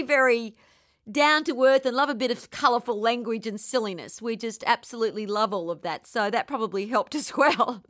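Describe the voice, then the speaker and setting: A woman with an Australian accent giving an earnest, gently enthusiastic spiritual talk. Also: on the high side, no room sound, clean studio sound. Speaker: spiritual teacher.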